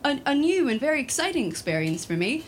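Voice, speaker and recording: Fast and sing-song, this high-sitting voice comes with a little hiss or hum. It's a woman in her 20s from Sweden who stumbles through fillers and restarts before performing a spoken word poem that leans on recurring refrains.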